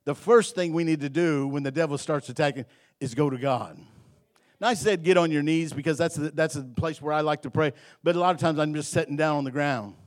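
A middle-aged man preaching an evening sermon in a church, swinging between loud and soft and repeating words as he goes. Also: fairly high pitch, a little fast. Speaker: pastor. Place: church sanctuary.

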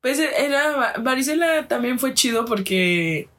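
A woman's voice: high-pitched, a little slow. Teasing Mexican young woman. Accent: Mexican Spanish. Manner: teasing, animated storyteller. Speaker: podcast co-host. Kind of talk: casual chat.

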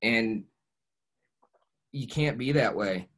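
Young male podcast guest from Ohio, mid-pitched, earnest and reflective, lots of restarts. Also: takes it slowly, a bit bright. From Ohio, USA. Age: young adult. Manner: earnest, reflective storytelling with frequent restarts and "you know". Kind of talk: casual podcast interview.

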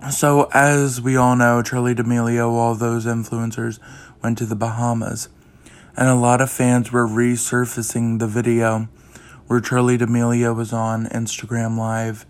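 A man's voice: medium pitch, completely flat delivery, a little slow. A young man hosting his own podcast, chatting casually and rambling with lots of fillers. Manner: rambling, heavy use of "like" and "um". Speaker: podcast host. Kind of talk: casual chat.

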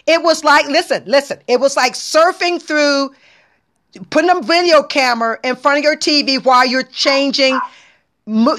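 A woman hosting a casual podcast chat, talking animatedly and exclaiming loudly when she gets excited. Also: sits high. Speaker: podcast host.

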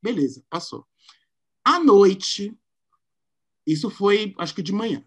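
A man, hosting a podcast and telling a story in a casual, animated way. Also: high voice, slow pace, slightly rough. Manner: animated, acts out quotes in shifting voices. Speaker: podcast host.

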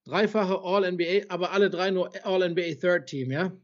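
A podcast co-host with a high, brisk voice and fairly even intonation passionately rattles off sports stats in a casual basketball debate. He swears now and then for emphasis and fills his speech with fillers and tag questions. The highs in the audio are cut off.

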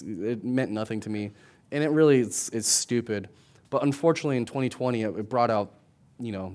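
A man's voice: fairly low pitch, darkish tone. A middle-aged man, a pastor, preaching a sermon in a conversational way, often adding "right?" and restarting his words. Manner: conversational preaching with frequent tag questions.

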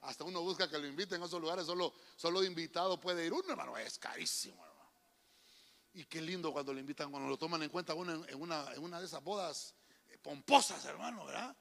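Bright-voiced, creaky male preacher. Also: on the high side, fast talker. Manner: calls out to congregation, repeats "hermano". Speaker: pastor. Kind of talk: sermon. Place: church hall. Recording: long hall reverb.

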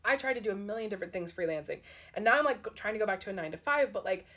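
A woman's voice: mid-range voice, lively intonation, very fast, a bit bright. A young woman recorded in an attic, chatting casually and self-deprecatingly as a podcast co-host, with "like" peppered through her talk. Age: young adult. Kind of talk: casual personal chat.

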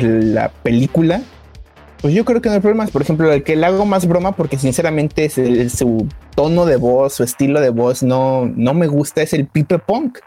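A man's voice: fairly high pitch, warm tone. A man with a Mexican accent chatting casually on a podcast, rambling with lots of filler words and restarts.

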